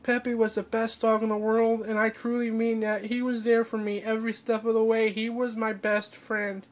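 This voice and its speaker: A woman crying as she speaks in a personal video diary, halting and breaking off to restart her sentences. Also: on the high side, little pitch movement. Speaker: vlogger.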